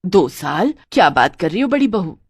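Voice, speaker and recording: A woman's voice: on the low side, sing-song, moderate pace, breathy edge, no echo, clean studio sound, heavily acted. A woman voicing a naive, fussy older mother-in-law in a cartoon story, fretting and exclaiming over the housework. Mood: fretful.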